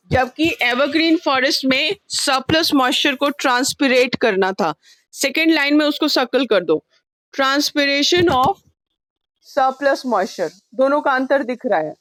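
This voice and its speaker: A woman teaches a class over a video call, patient and coaxing, dropping English terms into her sentences. Her voice sits a little high. The sound is dry and close, with no room around it. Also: fairly bright tone, no echo. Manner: patient, coaxing, calls students babu; mixes Hindi with English terms.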